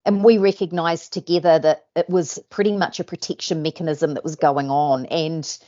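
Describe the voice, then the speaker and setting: A woman's voice: deep voice, fairly even intonation, normal speed, dark tone, highs cut off. A woman, a hypnosis trainer hosting, chatting in an upbeat, encouraging, coaching way. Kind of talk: casual interview chat.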